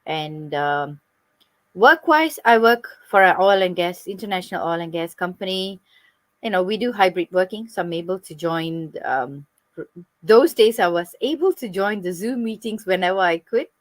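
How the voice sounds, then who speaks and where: A woman's voice: on the low side, expressive, normal speed, no echo. A woman from Malaysia, a club president, answering interview questions over a video call in a friendly, fluent way.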